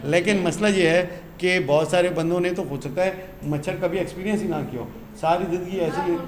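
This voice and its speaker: High-voiced male teacher, echoey room. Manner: mixes English phrases into Urdu explanations, asks and answers his own questions. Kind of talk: classroom lesson explaining English grammar.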